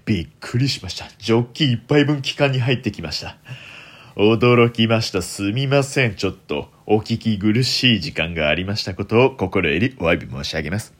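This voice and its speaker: A young man hosting a solo late-night radio talk in a deliberately low, deep announcer-like voice, polite and formal with theatrical flourishes. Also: lively intonation, fairly bright tone, breathy edge. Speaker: host of a solo internet radio show.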